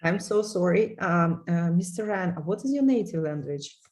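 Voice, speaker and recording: A woman's voice: lowish voice, animated, moderate pace, darkish tone. A woman on a video call asking polite questions in careful English. She apologizes often and speaks with the courtesy of a learner.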